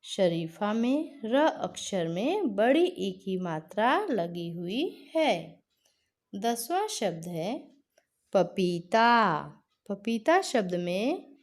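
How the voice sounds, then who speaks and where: A woman's voice: mid-range voice, sing-song, slow, darkish tone. A woman teacher giving a patient reading lesson for children, carefully stretching out each example word.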